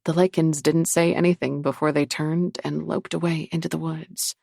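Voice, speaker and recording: Low gravelly woman narrating a novel. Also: level tone, normal speed, darkish tone, no room sound, clean studio sound. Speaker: audiobook narrator. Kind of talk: scripted narration.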